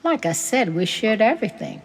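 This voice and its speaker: A woman voicing a grieving older immigrant farm woman, telling old family memories in a gentle, tearful way. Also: mid-range voice, sing-song, normal speed, big-room sound. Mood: wistful.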